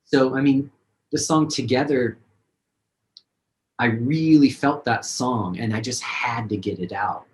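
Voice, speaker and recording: A man's voice: mid-range voice, measured pace, pauses often, low-quality recording. A man, a singer-songwriter, talking casually and rambling with many fillers in a video-call interview.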